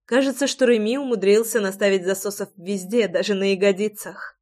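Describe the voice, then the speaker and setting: A woman's voice: medium pitch, fairly even intonation, a little fast, darkish tone. Woman narrating a romance audiobook. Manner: intimate, reflective storytelling. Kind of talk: first-person audiobook narration.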